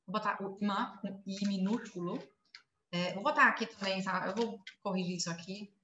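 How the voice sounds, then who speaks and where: A woman teaching German pronunciation, slowly modeling sounds and checking in with her students. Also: mid-range voice, steady tone, bright, forceful tone, reverberant, muffled recording, a little hiss or hum. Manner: slow, drawn-out demonstration of sounds with frequent check-ins. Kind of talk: pronunciation lesson.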